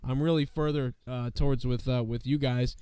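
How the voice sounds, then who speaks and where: Sounding unwell and losing his voice, a male podcaster gives casual, profane commentary on a show, rambling and repeatedly saying "you know what I mean." His medium-pitched voice is fairly even at normal speed, with a noisy background behind him.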